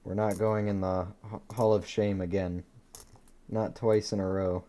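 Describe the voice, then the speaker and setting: A man hosting a live coin-hunting stream, quietly reading off dates and chatting easily between finds. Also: deep voice, flat delivery, a little slow, a little hiss or hum. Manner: easygoing, laughs at his own dad jokes. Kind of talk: casual live-stream commentary.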